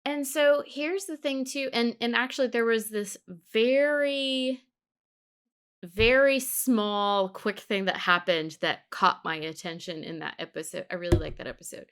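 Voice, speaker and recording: Female podcast co-host, bright and smooth, conversational, thinking out loud. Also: a little high, steady tone, a little slow. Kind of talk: casual discussion of an animated series.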